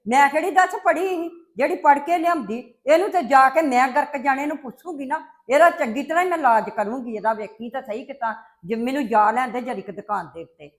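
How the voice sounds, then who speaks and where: A woman's voice: sits high, a little fast, hardly any pauses, lightly acted. An actress playing a well-meaning, flustered mother. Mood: defensive. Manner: flustered, defensive. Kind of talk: web drama acting.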